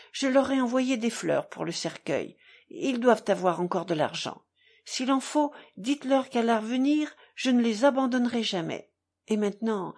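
A woman's voice: fairly high pitch, creaky, a little mellow, breathy edge, full character voice. A woman reading an audiobook, voicing a proud, passionate young woman who pleads in an intense, trembling way.

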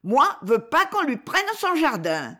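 A woman's voice: very animated, a little slow, fairly bright tone, full character voice. A woman doing a tiny babbling boy. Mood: earnest. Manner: high childish babble, insistent. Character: small boy, childish broken speech, timid.

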